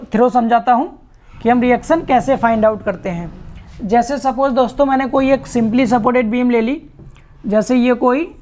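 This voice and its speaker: A man's voice: very high voice, darkish tone. A man teaching an online lecture, explaining step by step and repeating key terms. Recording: muffled lo-fi recording.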